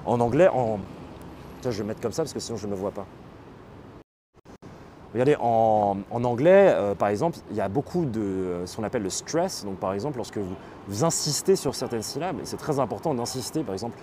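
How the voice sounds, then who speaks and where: A man hosting a live stream, explaining things casually and pausing often on fillers as he reads and answers chat. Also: lowish voice, animated, noisy background. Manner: explanatory, hesitant, with many fillers. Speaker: livestream host.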